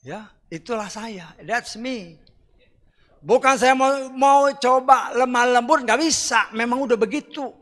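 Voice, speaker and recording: A middle-aged man preaching a sermon in a blunt, rough-spoken way, with loud emphatic bursts and quiet asides. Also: very high-pitched, unhurried. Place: church hall. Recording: church hall reverb.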